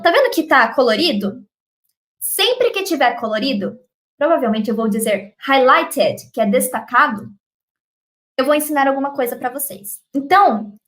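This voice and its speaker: A woman's voice: high-pitched, a bit bright. A woman with a Brazilian Portuguese accent teaching an English class on a live stream, upbeat, often checking in with her students. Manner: upbeat, checks in constantly with "ok?" and "beleza?". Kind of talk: live online English lesson.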